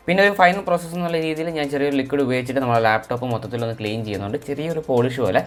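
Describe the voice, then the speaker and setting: A man narrating a tech tutorial in a casual, chatty, informal way. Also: medium pitch. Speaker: tech vlogger. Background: background music.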